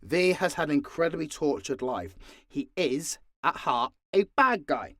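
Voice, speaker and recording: The voice is male, fairly high and fairly bright, animated yet unhurried, recorded at studio quality without room sound. An audio drama creator, he answers listeners off the cuff in a monologue, swearing bluntly and putting on a dramatic show of exasperation.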